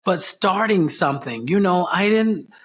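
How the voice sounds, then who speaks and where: High-voiced man telling stories, reflective. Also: lively intonation, a little slow, fairly bright tone, breathy edge. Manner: reflective storyteller, builds up lists of repeated phrases. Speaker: theater company founder, interview guest. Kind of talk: casual interview.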